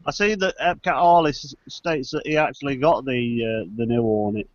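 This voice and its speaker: A man hosting a casual group chat over a video call, jokey and quick to laugh. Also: medium pitch, steady tone, background noise. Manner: laughs often, loose and jokey. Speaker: show host. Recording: dull lo-fi call audio.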